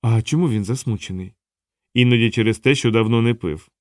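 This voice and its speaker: A man voicing an earnest, soft-spoken young male watchman. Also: medium pitch, fairly quick, no echo, clean studio sound, close to an everyday voice.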